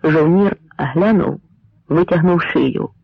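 A man narrating a dramatic historical story in a measured storytelling manner, on a dry, slightly muffled recording. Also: on the high side, creaky, breathy edge, dry recording. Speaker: audiobook narrator.

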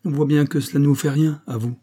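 A man's voice: fairly high pitch, steady tone, fast talker, dark tone, slightly rough, pitched above the performer's own voice. A man reading as Sanchet, a downcast young man. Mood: plaintive.

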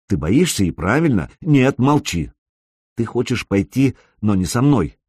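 A man reading an audiobook, voicing a self-assured young male gamer who speaks softly and reassuringly. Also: big pitch swings, measured pace, husky, dry recording, studio quality. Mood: tender. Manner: soft, low and reassuring.

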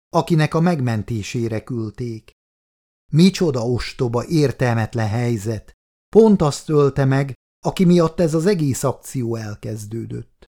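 Man, audiobook narrator, measured expressive reading, mid-pitched, scripted narration. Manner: measured, expressive reading with hushed quoted lines.

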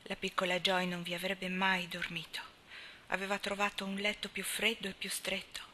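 A woman reading a novel aloud as an audiobook, in a soft, hushed narration. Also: mid-range voice, flat delivery, moderate pace, a little hiss or hum. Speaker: audiobook reader. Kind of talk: scripted narration.

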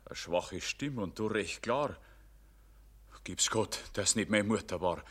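A proud rich man who is afraid of dying, in a Bavarian radio play. His voice is bright and his delivery agitated and defensive. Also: on the low side, animated, slow, slightly rough, heavily acted. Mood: anxious. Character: rich man facing death, fearful, proud. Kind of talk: broadcast radio play acting.

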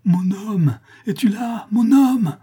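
A man reading an audiobook, voicing a fierce, desperate young woman who shouts frantically for her lover. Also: medium pitch, moderate pace, slightly rough, voice pushed up, lightly acted. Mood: frantic.

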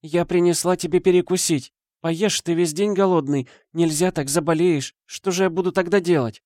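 A man voices a grieving middle-aged mother pleading emotionally with her son, in a natural voice pitched above his own. The tone is on the high side, a little mellow, with fairly even intonation and normal speed, in clean studio sound with no room sound.

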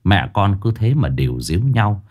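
A man narrating a ghost story in an expressive, scripted storytelling style. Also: lowish voice, normal speed.

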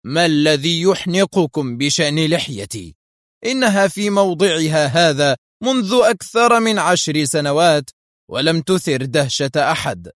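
A man voicing an indignant, short-tempered male lawyer who shouts angry protests. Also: fairly high pitch, animated, moderate pace, no room sound, studio quality, lightly acted. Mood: outraged.

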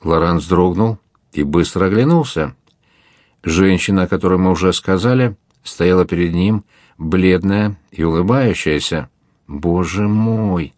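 A man reads an adventure novel aloud in a measured, dramatic way. His voice is very deep, and the recording is dry and close with no room sound. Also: a little mellow, dry recording. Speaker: audiobook narrator. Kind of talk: scripted narration.

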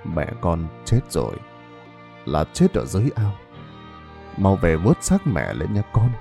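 The ghost of an old father speaks low and quiet, heavy with sorrow, as a male narrator voices him. His tone is dark and mellow. He speaks slowly and gravely. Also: big pitch swings, faint music behind, exaggerated voice. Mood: sorrowful.

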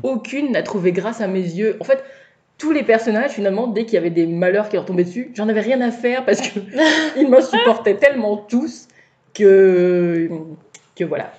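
A woman's voice: medium pitch, normal speed, dull audio. A woman co-hosting a casual book podcast, reading passages aloud and commenting with frequent laughter. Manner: animated, laughs often, reads passages aloud. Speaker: podcast co-host. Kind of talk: casual book chat with read excerpts.

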